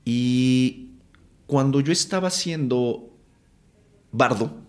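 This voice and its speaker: A man's voice: mid-range voice, slow pace. A man from Mexico City with a Mexican Spanish accent, telling a story in a casual interview and acting out the voices of the people in it. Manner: animated, acts out quotes, swears casually. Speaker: actor guest.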